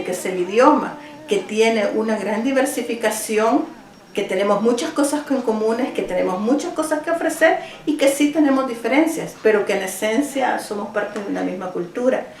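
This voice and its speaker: A woman's voice: on the high side, a little mellow. A woman from El Salvador, a teacher, answering interview questions at home, earnest and thoughtful with small restarts. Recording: roomy, mic at a distance.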